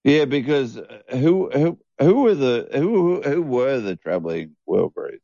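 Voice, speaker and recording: A man's voice: medium pitch, big pitch swings, unhurried, vocal fry, mellow, no echo, dull audio. A man in his fifties co-hosting a casual podcast, stammering and repeating words as he trails off. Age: 50s. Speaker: podcast co-host. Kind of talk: casual chat.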